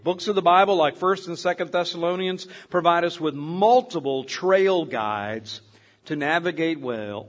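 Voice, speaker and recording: A man's voice: fairly high pitch, a bit bright. An older man preaching as a pastor, telling stories in a rambling, conversational way. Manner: rambling, with many fillers and restarts; storytelling, conversational. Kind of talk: sermon.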